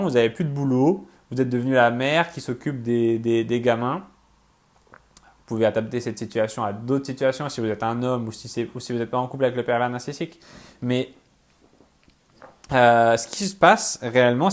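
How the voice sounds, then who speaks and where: Man, relationship coach, mid-pitched voice, fast casual explaining, lots of fillers and restarts. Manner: hesitant, many fillers and restarts, checks in with "ok?"; talks fast. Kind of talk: casual explanatory video talk.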